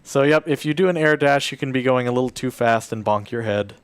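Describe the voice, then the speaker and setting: A man's voice: medium pitch, fairly quick, clear, resonant tone, dry recording. A man giving casual live commentary as he speedruns a game, explaining his route and coaxing the characters along. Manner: talks to the game characters while playing. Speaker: speedrunner playing live at a charity marathon.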